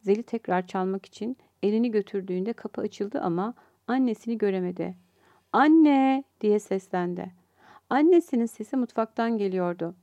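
Mellow, gravelly-voiced woman reading a story. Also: medium pitch, a little fast, no echo, lo-fi sound. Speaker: author reading her own story. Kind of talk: storybook narration.

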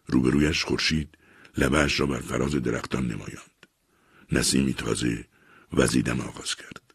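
A man reads a literary story in a slow, solemn way. His voice is extremely deep and gravelly, very husky, and the sound is close and dry with no room around it. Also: no echo. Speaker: narrator. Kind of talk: audiobook narration.

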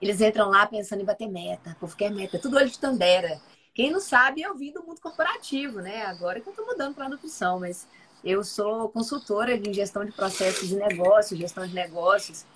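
A woman's voice: medium pitch, animated, quick pace, fairly bright tone, slight background noise. A woman co-hosting a casual live chat as a nutrition mentor, talking in a chatty, emphatic way and repeating her phrases.

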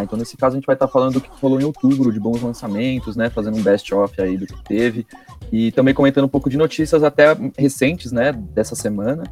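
A man's voice: medium pitch, a little mellow. A Brazilian man hosting a podcast in casual chat full of informal street slang. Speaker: podcast host. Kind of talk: casual chat, presenting a music and news podcast.

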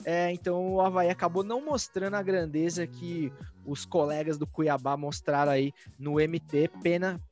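A man hosting a football podcast, talking in an animated, joking way with many restarts. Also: a little high, moderate pace, soft background music. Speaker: podcast host. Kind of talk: casual chat.

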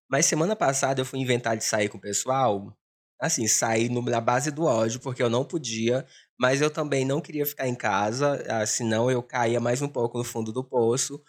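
A man with a hoarse smoker's voice, hosting a casual confessional podcast in a dramatic, joking way. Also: mid-range voice. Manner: dramatic, joking, self-mocking. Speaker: podcast host.

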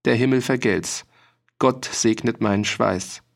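A stubborn, sturdy old farmer, voiced by a man reading a storybook aloud. He talks in measured, earnest rustic phrases with a middling pitch. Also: gravelly.

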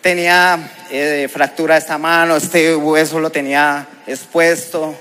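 A man's voice: fairly high pitch, level tone, a little slow, bright, forceful tone, clear, resonant tone. A man with a Colombian accent giving a personal testimony as a preacher, telling it vividly and with emotion. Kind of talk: testimony sermon.

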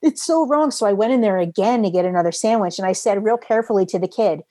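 A woman telling a rambling, animated story in casual chat, swearing freely. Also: medium pitch, fast, no echo.

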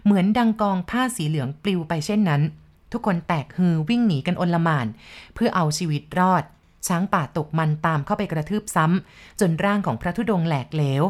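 A woman with a somewhat low voice narrates a spooky forest tale in the first person. Her delivery is steady and measured, carrying the story along line by line.

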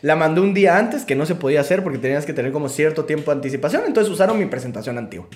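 High, lively guy joking. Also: very fast, roomy sound. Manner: jokey, laughs often, teasing. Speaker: podcast co-host. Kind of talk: casual chat.

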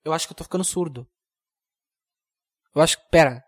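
A young man hosting a comedic solo podcast, rambling and mocking himself in a deadpan way. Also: a little high, a little fast. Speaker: podcast host.

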